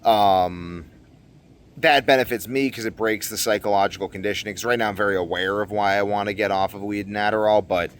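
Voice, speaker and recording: Speaking briskly and smoothly, this man has a lowish voice with fairly even intonation. He's a video blogger giving a casual, unscripted monologue to viewers, earnest and meandering, and he repeats phrases to drive points home.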